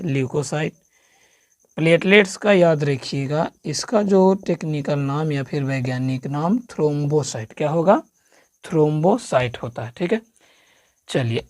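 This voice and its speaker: A man's voice: on the high side, darkish tone, dry recording, clean studio sound. A man giving an exam-prep science lesson as a coaching teacher, quizzing the listener with repeated questions and drilling the answers. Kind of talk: exam-prep classroom lecture.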